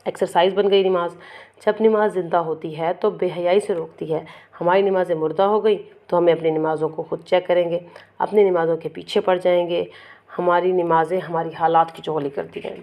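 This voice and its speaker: A woman's voice: fairly low pitch, warm tone. A middle-aged woman giving an earnest religious lecture, exhorting listeners and asking rhetorical questions. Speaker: Quran lecturer.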